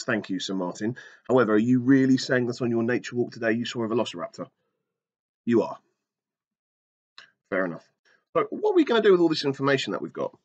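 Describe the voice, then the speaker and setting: A man in his thirties with a medium-pitched voice hosts a children's activity video from a small brick-walled room, joking, teaching, and talking to a silent toy puppet. The webcam in front of him gives a lo-fi sound.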